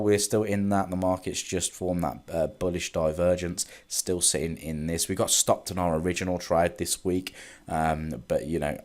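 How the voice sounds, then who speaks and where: A man with a deep voice, congested from a cold, gives a casual market recap with charts as a forex trading analyst. He sounds relaxed but hesitant, with many ums and restarts.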